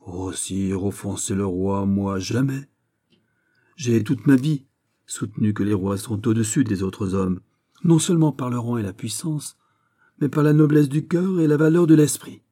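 A man reading as a calm, firm old nobleman. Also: medium pitch, close to an everyday voice. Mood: courteous. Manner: measured, courteous, unyielding. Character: older male nobleman, calm, firm and polite.

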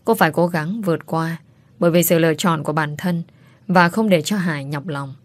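Woman narrating a story, low and dry. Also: fairly quick, dry recording.

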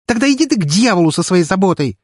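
A man voicing an upset young woman who pleads and shouts through tears. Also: a little high, animated, fast talker, no echo, studio quality, voice pushed up. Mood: angry shouting.

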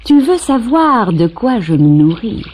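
A woman's voice: on the high side, big pitch swings, a little slow, a little mellow. Woman putting on a honeyed scheming crocodile. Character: sly honey-voiced crocodile, scheming and cruel. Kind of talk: storybook cassette acting.

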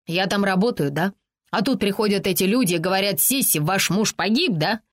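A woman voicing a blustering, domineering middle-aged man who talks loudly and emphatically in an audiobook. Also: mid-range voice, lively intonation, a little fast, dry recording, clean studio sound, close to an everyday voice. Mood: boastful. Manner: loud, emphatic, tag questions.

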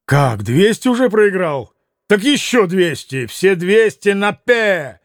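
A man voicing a hot-headed young man who shouts out wild bets in a card game. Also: sits high, slow pace, no room sound, studio quality, voice pushed up, heavily acted. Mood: agitated. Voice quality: loud, excitable, shouting.

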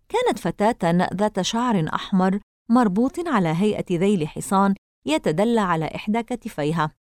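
A woman narrating an audiobook novel in an expressive, measured reading. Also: mid-range voice, no echo, clean studio sound.

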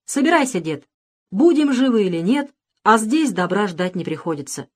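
A practical old village grandmother, as a woman reads her, firm and brisk. She gives orders in a plain, matter-of-fact way. Her lines are read from a storybook. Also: mid-range voice, very animated.

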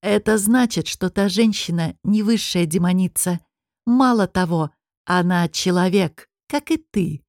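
A smug male demon aristocrat, as a woman narrator puts him on, taunting in a slow mocking drawl. His voice sits dark and mellow, recorded dry and close with no room around it. An audiobook villain who relishes every sneer. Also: lowish voice, dry recording. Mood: gloating. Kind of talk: audiobook character reading.

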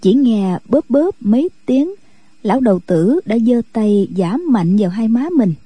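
A woman narrating a story for radio in a steady, measured voice. Her tone is very dark and mellow with a husky edge, somewhat higher than most women, and recorded dry and close. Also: dry recording.

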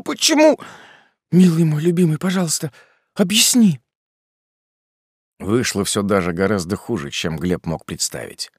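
A man narrating a novel as an audiobook reader, measured and subdued. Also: low voice, dry recording, studio quality.

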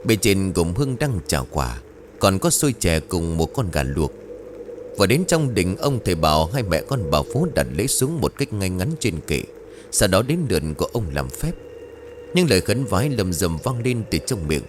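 A man narrating a ghost story with lively, dramatic storytelling. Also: low voice, moderate pace, slight background noise.

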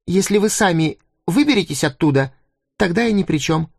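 A male narrator voicing a timid, nervous married guard who talks in a hurried, anxious way and drops to a whisper. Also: sits high, expressive, creaky, slightly rough, dry recording, studio quality, pitched above the performer's own voice, exaggerated voice. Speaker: audiobook narrator. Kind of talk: audiobook character voice.

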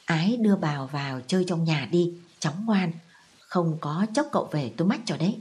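A kindly old manservant, voiced by a woman narrator, gently coaxing and protective. The tone is low and mellow. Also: animated, a little fast, slightly rough. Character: old male family servant, kindly, protective.

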